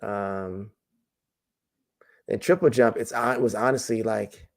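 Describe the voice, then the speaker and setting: A man's voice: fairly low pitch, slow pace, gravelly. Man talking casually as a coach. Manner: relaxed, rambling with fillers and restarts. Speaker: jumps coach, guest. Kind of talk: casual podcast interview.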